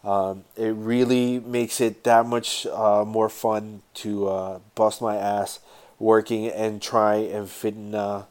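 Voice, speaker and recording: A man hosting a solo podcast chats casually while getting over a sinus infection, his nose stuffed up so he sounds congested and breathes through his mouth. His voice is lowish, smooth and darkish in tone, level and slow.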